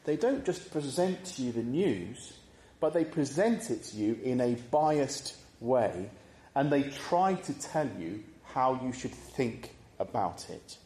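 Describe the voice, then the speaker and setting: A man delivers a sermon at an unhurried, deliberate pace. His middle-pitched voice rings out through a reverberant church, relaxed and conversational, as he invites his listeners to reflect. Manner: measured, conversational, posing reflective questions. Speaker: preacher. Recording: echoey church room.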